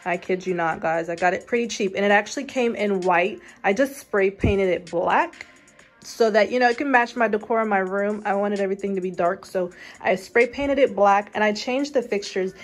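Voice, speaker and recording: A woman's voice: medium pitch, moderate pace, soft background music. A young woman giving a casual walkthrough of her small home hair salon, talking to viewers with plenty of fillers. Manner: chatty, addresses viewers as guys, many fillers. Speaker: loctician giving a salon tour.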